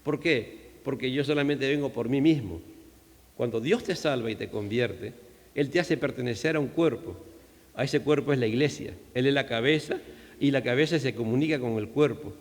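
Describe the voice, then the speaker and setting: A man's voice: medium pitch, in a large hall. A male pastor with a Peruvian Spanish accent preaching a sermon in a church, in a conversational style full of "¿no?" asides. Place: church hall.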